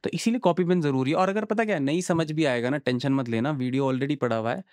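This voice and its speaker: A man talks through charts in a casual, friendly lesson, often pausing to check that the listener is keeping up. His voice sits a bit high for a man. The recording is close and dry, no room sound. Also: a little mellow, no room sound. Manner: chatty, reassuring, asks the viewer "samjhe?". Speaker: trading teacher. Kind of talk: casual screen-share chart tutorial.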